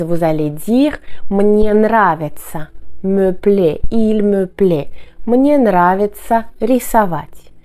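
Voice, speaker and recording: Russian-accented woman teaching slow phrases. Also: medium pitch, warm tone. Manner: patient, repeats each phrase slowly twice. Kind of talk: language lesson, slow model phrases.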